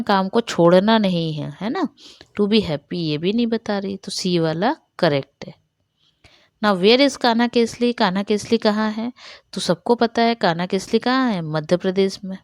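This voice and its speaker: An Indian woman teaching an English revision lesson at a middle pitch. She reads each English line slowly, then explains it in Hindi and quizzes the class with questions she answers herself. The sound is dry and close. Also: no room sound.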